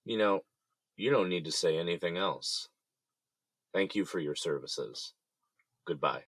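A man's voice: low-pitched, expressive, unhurried, a bit bright, breathy edge, dry recording, exaggerated voice. An actor playing a wary male inmate who talks in a curt, guarded way. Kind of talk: audio drama acting.

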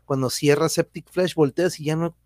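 Dry-sounding Mexican podcast host. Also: male voice, a little high, normal speed, no room sound. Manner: relaxed, short reactions, reads comments aloud. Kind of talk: casual chat, reading viewer comments.

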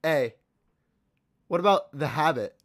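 A young man in a laid-back podcast chat, tossing in playful jabs. He speaks slowly on a somewhat high, very lively pitch that rises and falls freely. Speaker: podcast co-host. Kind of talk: casual chat.

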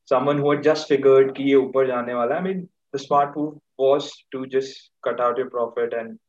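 A man with a North Indian accent hosting a casual discussion, talking in a halting, rambling way and mixing English with Hindi. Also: mid-range voice, steady tone, a little mellow. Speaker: host. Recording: roomy echo, distant mic, dull sound.

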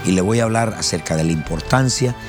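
Predicador fogoso con música de fondo. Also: male voice, sits low, quick pace, music in the background. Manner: fiery, builds from calm teaching to shouting. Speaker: apostle preacher. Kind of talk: sermon.

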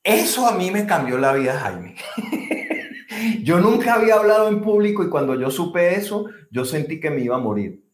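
A man's voice: sits high, sing-song, normal speed, a little hiss or hum. A man, a speaking coach, explaining technique expressively as an interview guest and stressing words to demonstrate. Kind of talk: animated explanatory talk. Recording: roomy echo.

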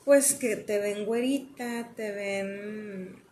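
A young woman with a Mexican accent, chatting casually and telling lively, slangy stories as a podcast co-host. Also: mid-range voice, slow, a little hiss or hum. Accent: Mexican Spanish. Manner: animated, slangy, acts out quotes. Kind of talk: casual storytelling chat.

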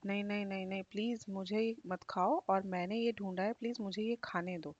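A woman's voice: medium pitch, fairly even intonation, a little fast, no echo, highs cut off, natural voice. A woman voicing a small, frightened male mouse in a storybook tale, stammering and pleading.

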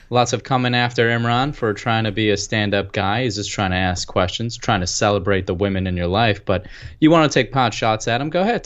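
A man's voice: medium pitch, a bit bright, highs cut off. A male podcast co-host in casual comedic banter, sarcastic, needling and mock-defensive.

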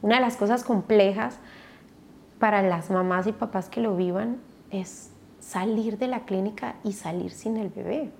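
A woman, a podcast guest and mother, telling her personal story in a halting way with many restarts. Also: mid-range voice, vocal fry, darkish tone, slight background noise.

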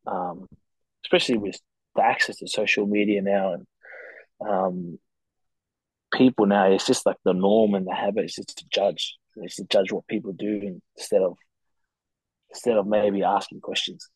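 A man's voice: lowish voice, fairly even intonation, moderate pace, long pauses, slightly rough, dry recording, poor audio. A man chatting casually as a rugby player guest, laid-back and matey with slangy talk. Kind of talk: casual interview chat.

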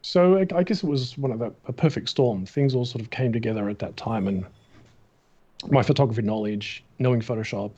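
A middle-aged Australian man, a guest in a casual interview, telling stories in an animated way and acting out the voices of the people in them. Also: mid-range voice, fairly quick, husky. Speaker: guest, matte painter. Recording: dull, muffled recording.

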